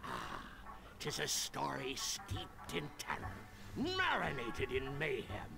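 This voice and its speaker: An actor voicing a jolly, melodramatic pirate captain in a cartoon adventure game, with a stage pirate accent and a gravelly, grandiose delivery. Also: male voice, medium pitch, huge pitch swings, slow, heavily acted. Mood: ominous, dramatic. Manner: theatrical, grandiose, swooping exclamations. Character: jolly, melodramatic old pirate captain running a chicken restaurant. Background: music.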